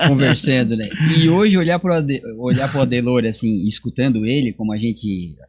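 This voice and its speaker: A man's voice: mid-range voice, animated, a little slow, fairly bright tone, slightly rough. A man hosting a podcast, reacting with friendly, short agreements. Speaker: podcast host. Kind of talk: casual chat.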